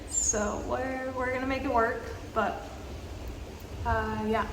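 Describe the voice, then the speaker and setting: A woman in her twenties chats slowly and haltingly, with a flat, even delivery and lots of "um"s. Her voice bounces around the hard walls of a small public bathroom, giving a strong echo. A faint background hiss sits under the recording. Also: on the high side. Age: 20s. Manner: halting, filler-heavy, slow and even. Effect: roomy bathroom echo. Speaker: vlogger. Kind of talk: casual travel vlog chat.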